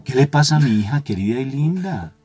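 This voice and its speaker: A man's voice: medium pitch, brisk, over music. Man telling a story animatedly. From Colombia. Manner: animated storyteller, acts out quoted voices. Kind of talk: storytelling religious talk.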